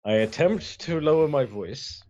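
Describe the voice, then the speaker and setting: A man's voice: fairly high pitch, lively intonation, a little slow, darkish tone, muffled recording. A man playing a tabletop game, thinking aloud and restarting his sentences. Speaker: player. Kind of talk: casual chat at a tabletop game.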